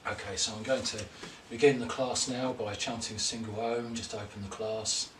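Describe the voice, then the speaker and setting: Male yoga teacher, soft and unhurried guided instruction, recorded from a distance in an echoey room. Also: lowish voice, slight background noise. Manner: slow, gentle, calm cueing of breath and poses. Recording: roomy echo, distant mic, faint ambience.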